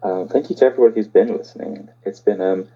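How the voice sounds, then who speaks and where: A man's voice: on the low side, fast, gravelly, dull audio. A young man hosting a casual podcast chat, hesitant and full of ums. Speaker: podcast host.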